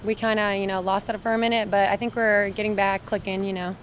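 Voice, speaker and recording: A woman's voice: mid-range voice, little pitch movement, fast, slight background noise. A young woman from Utah, a college volleyball player, answering interview questions casually and hesitantly with many fillers. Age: young adult.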